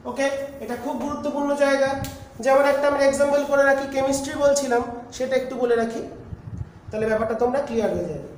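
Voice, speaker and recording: An extremely high-pitched man talks fast while delivering a classroom physics lecture in a very echoey room with faint noise. He explains step by step, posing questions and then answering them himself.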